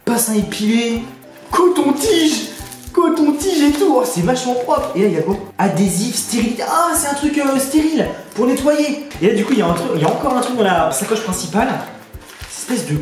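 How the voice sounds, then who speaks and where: Fast-talking eager man in echoey sound. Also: extremely high pitch, animated. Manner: eager, addresses viewers as friends. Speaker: YouTuber. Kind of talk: casual unboxing chat. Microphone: borrowed headset. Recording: echoey, distant headset sound with music.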